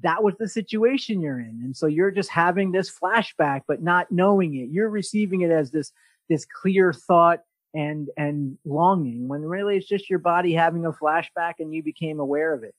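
Man, podcast host, motivational talk, energetic, slightly high pitch, dry sound. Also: moderate pace, no room sound, poor audio. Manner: energetic, restarts often.

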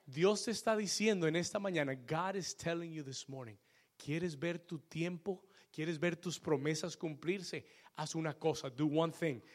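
A male pastor delivering a sermon, switching between Spanish and English phrase by phrase and building to loud exhortations. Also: fairly high pitch, unhurried. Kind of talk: bilingual sermon.

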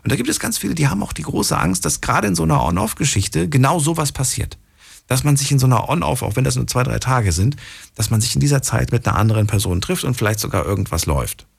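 A man's voice: mid-range voice, lively intonation, quick pace, gravelly, husky. A man hosting a late-night radio call-in show, eagerly asking his caller probing questions.

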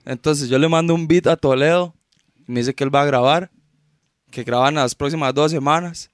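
A man's voice: fairly high pitch, normal speed, clean tone, dry recording, clean studio sound. A man with a Costa Rican accent, a guest DJ on a casual podcast, pressing his point and cutting in. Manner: insistent, keeps cutting in. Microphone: studio microphone.

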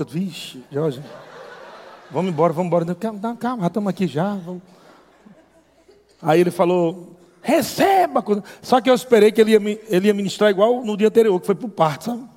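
A man telling a lively testimony as a preacher, acting out voices and laughing often. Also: sits high. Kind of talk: testimony sermon storytelling. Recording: long hall reverb.

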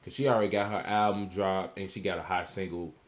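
A man's voice: low-pitched, little pitch movement, fast. A man guesting on a podcast in casual chat, stating his opinions confidently and with emphasis.

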